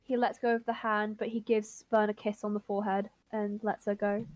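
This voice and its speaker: A woman running a tabletop role-play game as game master, cheerful and quick to laugh. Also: medium pitch, level tone, a little mellow, dry recording.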